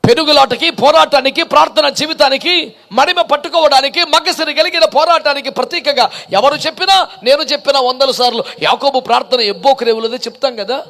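A man's voice: very high voice, quick pace, vocal fry, a bit bright. A man preaching a sermon as a pastor, impassioned and rhetorical, firing off repeated questions.

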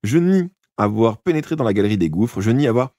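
A man's voice: medium pitch, expressive, a little fast, no echo, clean studio sound, pitched above the performer's own voice, close to an everyday voice. A man doing a cheeky, defiant boy. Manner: bright, insistent denials. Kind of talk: audiobook character voice.

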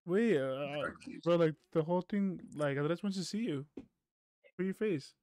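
A man streaming from a dim room at home, chatting casually in a relaxed, slangy way. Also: fairly high pitch, moderate pace, a little hiss or hum. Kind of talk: casual livestream chat.

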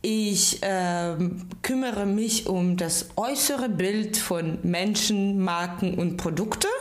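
A woman's voice: medium pitch, slow pace, reverberant. A woman from Ukraine, a stylist guest on a podcast, speaking hesitantly with many fillers as she searches for words. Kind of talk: casual interview.

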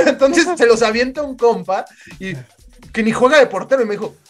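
A young man with a Mexican Spanish accent co-hosts a podcast, telling stories in casual slang, laughing, and loudly acting out what people said. His voice is extremely high and fairly quick, with soft music in the background.

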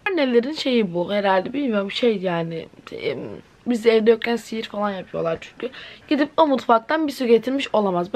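Chatty gravelly-voiced eighteen-year-old woman vlogging. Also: mid-range voice. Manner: chatty, dramatic storytelling with exclamations. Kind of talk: casual vlog chat to camera. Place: at home indoors.

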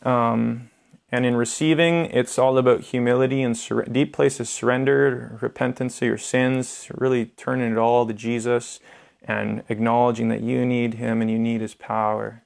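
A man's voice: medium pitch, little pitch movement, normal speed, vocal fry, a little mellow. A young man preaching informally, casual and earnest, with filler words and restarts. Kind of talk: informal sermon teaching.

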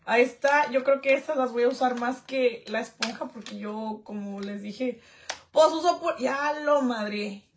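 A high-pitched young woman chats her way through a live unboxing. She jokes about herself and reads viewers' comments aloud in a loose, casual way. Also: measured pace, slight background noise. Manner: chatty and self-joking, reads out viewer comments. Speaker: vlogger doing a live unboxing. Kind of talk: casual live-stream chat.

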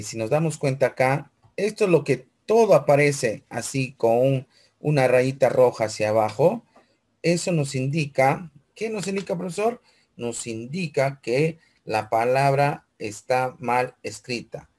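A man teaching a recorded computer class. His pitch is middling for a man. He talks through each click, keeps checking that the students follow, and poses questions in their place before answering them. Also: lively intonation, a little slow, a little mellow. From Peru. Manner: walks through steps aloud, keeps checking with "¿ve?" and "chicos".

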